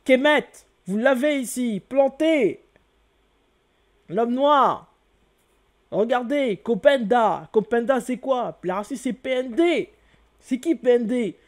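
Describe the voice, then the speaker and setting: Excitable man teaching a video lesson. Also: extremely high pitch, slow pace, long pauses. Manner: enthusiastic, exclaims often, repeats key words; asks the listener questions and answers them himself. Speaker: channel host teaching hieroglyphs.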